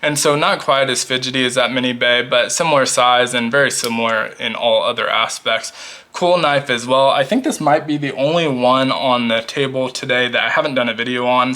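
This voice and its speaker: A talkative man gives a casual product review of his pocket knives. His voice is bright and a bit forceful. He keeps wandering into chatty asides as he shows each piece at a table. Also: mid-range voice. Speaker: knife collection reviewer.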